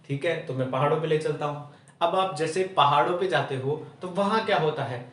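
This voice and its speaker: A man's voice: a little high, a bit bright. A male chemistry teacher from Rajasthan, giving a classroom lecture, asking rhetorical questions and answering them himself, ending almost every point with "theek hai". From Rajasthan, India. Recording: roomy echo, mic at a distance.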